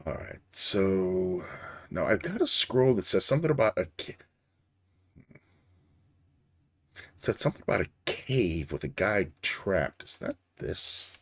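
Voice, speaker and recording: Low-voiced man chatting on a game stream. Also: very animated, measured pace, pauses often. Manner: rambling, digressive, answers chat. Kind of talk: casual chat while livestreaming a game.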